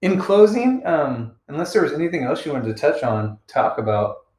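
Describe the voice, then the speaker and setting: A man's voice: a little high, very animated, normal speed, a little mellow, reverberant. A young man hosting a podcast, chatting casually and playfully with lots of fillers. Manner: rambling, filler-heavy, playful. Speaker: podcast host. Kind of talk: casual chat.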